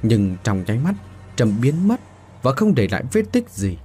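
A man narrating a scripted ghost story in an expressive, dramatic way. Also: medium pitch, normal speed, slightly rough. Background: faint background music.

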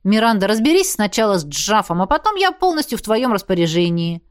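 A woman's voice: mid-range voice, big pitch swings, brisk, close to an everyday voice. A woman voicing a cheeky, womanizing young male student who banters with exuberant, mock-grand flair. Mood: wry.

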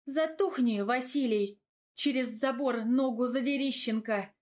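A bossy young woman doctor barks orders and dry threats in a higher, pushed voice, as a woman reading the story puts her on. She sounds stern and mocking. The delivery is an audiobook reading. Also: expressive, moderate pace.

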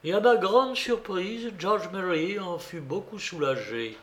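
A man reading a classic novel aloud for radio in a measured, expressive way. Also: high-pitched. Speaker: reader.

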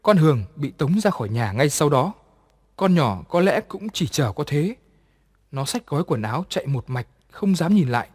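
A man narrates a ghost story at a measured, even pace. His voice sits a little higher than most men's, and a long reverb hangs behind every line. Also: breathy edge.

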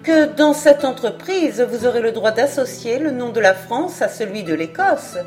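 A woman voicing a gracious Scottish lady who speaks in a soft, engaging, persuasive way. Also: on the high side, lively intonation, moderate pace, faint music behind, voice pushed up, lightly acted.

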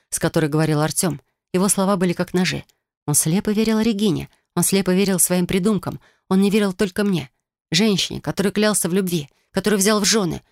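A woman's voice: fairly low pitch, dry recording, studio quality. A woman narrating a first-person audiobook in an emotional, dramatic reading style.

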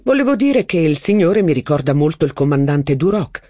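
A man's voice: fairly high pitch, very animated, fairly quick, dark tone, dry recording. Male reader doing a polite young companion, plain and deferential, dry close sound.

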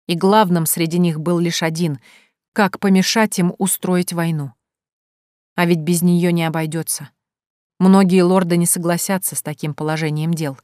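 A woman reading a first-person fantasy audiobook in an expressive, tense way. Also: lowish voice, no echo, clean studio sound. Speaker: audiobook narrator.

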